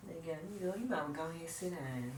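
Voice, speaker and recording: A woman's voice: low voice, expressive, quick pace. An American woman gossiping casually with a roommate in a blunt, sassy way. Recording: echoey room with loud background noise.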